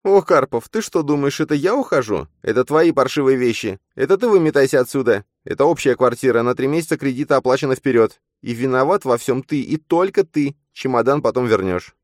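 A man's voice: medium pitch, animated, a little fast, few pauses, no echo, studio quality, pitched above the performer's own voice, close to an everyday voice. A man voicing a furious, scornful young woman who scolds her fiancé, in an audiobook. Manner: shouting, contemptuous, scolding. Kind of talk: audiobook character voice.

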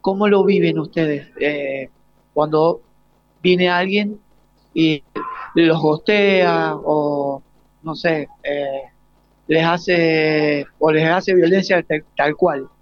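High-voiced and halting, an Argentine man in his forties interviews students casually on live radio, rephrasing his questions repeatedly. The recording is dry, with a dull lo-fi live broadcast sound.

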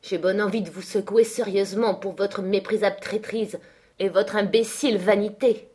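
Blunt, scornful housekeeper, loud and emphatic, put on by a woman narrator. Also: medium pitch, steady tone, moderate pace, breathy edge, natural voice. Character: indignant older housekeeper, blunt and scolding.

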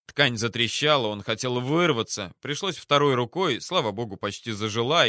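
A male audiobook narrator reads a first-person story at a calm, measured pace. His voice is bright and forceful, and he gives the menace a cool understatement. The recording is close and completely dry. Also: medium pitch, no room sound.

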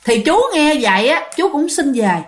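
A woman's voice: high-pitched, big pitch swings, moderate pace. A woman with a Southern Vietnamese accent, casually retelling a ghost story and chatting directly to her listeners.

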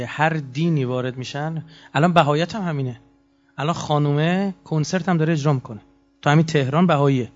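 A man giving a lecture, telling stories and acting out the quotes. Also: on the high side. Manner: animated storytelling with acted-out quotes. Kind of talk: anecdotal lecture. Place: lecture hall. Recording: muffled lo-fi lecture recording.

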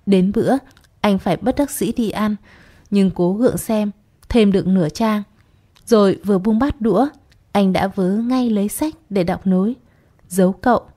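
A woman narrating a literary short story in a steady, storytelling voice. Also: mid-range voice. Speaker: audiobook narrator. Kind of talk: scripted narration.

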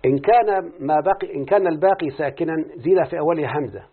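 Expressive and fast, this man's slightly high, slightly rough voice carries an Egyptian accent. He's a student reciting a grammar lesson, working through Arabic morphology questions and answers step by step and checking with his teacher; the recording is tinny and phone-like.

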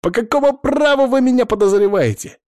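Casting: jittery young techie guy, high whiny protests, mellow dry reading voice, put on by a male narrator. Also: sing-song, brisk, no echo. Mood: indignant. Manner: whiny, flaring up, nervous protests. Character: jittery young male sysadmin, touchy and defensive.

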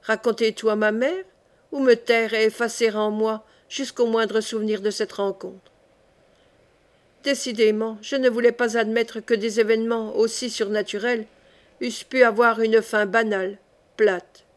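A woman narrating a fantasy short story as an audiobook reader, in a measured, deliberate reading. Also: fairly high pitch, steady tone.

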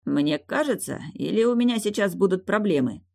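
A woman's voice: mid-range voice, expressive, moderate pace, creaky, warm tone, voice pushed up. A woman voicing a wary young prince who tries to placate his wife in an audiobook. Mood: sheepish. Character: young prince, sheepish henpecked husband.

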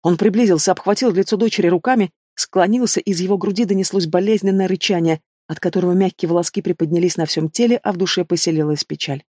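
An expressive audiobook reader narrating a fantasy story, with a mid-range pitch. The recording is dry and close, with no room sound. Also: quick pace, hardly any pauses, no room sound. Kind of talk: scripted narration.

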